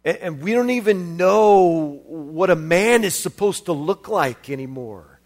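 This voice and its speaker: A man preaching a sermon as a visiting preacher, impassioned, repeating his phrases and building up to shouts. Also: high-pitched, animated, a little slow.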